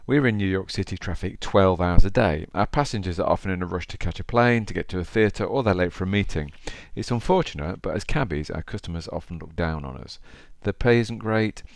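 A man's voice: sits low, a little fast, creaky, few pauses, no echo, clean studio sound. A man with an East Midlands accent from Derby, hosting a podcast in a chatty, informal way, speaking straight to the listener as he talks and reads. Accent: East Midlands English, Derby. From Derby, England. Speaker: podcast host. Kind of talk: informal solo podcast talk and story reading.

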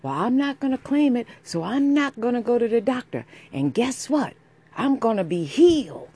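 A woman's voice: on the high side, big pitch swings, mellow, husky. A woman hosting a podcast, introducing it in a sultry, intimate voice. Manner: sultry, slow, intimate delivery. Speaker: podcast host. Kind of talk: scripted-sounding podcast intro.

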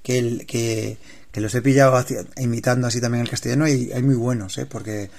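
A man with a peninsular Spanish accent, an author chatting as a guest in a casual interview, animated and often repeating his words. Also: mid-range voice, brisk, gravelly. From Spain.

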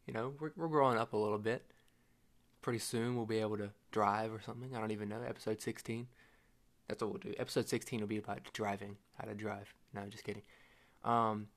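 A young man hosts a solo podcast, his voice low and gravelly with a groggy morning roughness. He rambles and corrects himself as he goes, joking along in a flat, even tone. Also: quick pace. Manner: rambling, self-correcting, jokey. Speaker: podcast host. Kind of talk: casual solo podcast talk.

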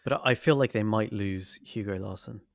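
A man's voice: lowish voice, a little fast, gravelly, no echo, studio quality. A man co-hosting a football podcast, enthusiastic and rambling in his analysis. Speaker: podcast co-host. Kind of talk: casual football podcast chat.

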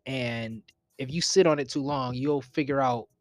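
Around twenty years old, this podcast co-host speaks at normal speed in a mid-range voice, with no room sound. In a casual chat he gets earnest and motivational about chasing dreams and setting goals, though his speech is full of hesitant ums.

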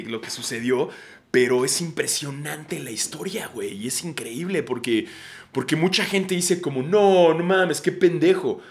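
A Mexican man in his thirties hosting a podcast, telling stories in an animated, slangy way and swearing freely. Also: mid-range voice. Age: 30s. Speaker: podcast host. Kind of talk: casual storytelling monologue.

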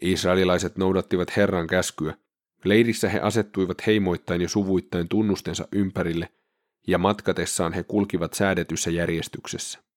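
A man with a very deep voice reads scripture aloud at a measured, solemn pace. The recording is dry and close, with no room sound. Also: steady tone, dry recording. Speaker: scripture reader. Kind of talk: scripture reading.

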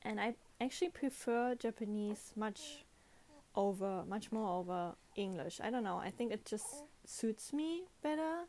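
Speaking English as a non-native with a German accent, a young woman hosts a chatty podcast monologue, often breaking off and starting her sentences over. Her medium-pitched voice is a little mellow and a touch slow, with lively intonation.

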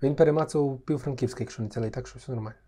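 Man, podcast co-host, deadpan jokes, mellow darkish tone. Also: mid-range voice, rapid-fire, slight background noise. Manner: dry, deadpan jokester, spinning absurd tall tales. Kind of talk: casual joking chat.

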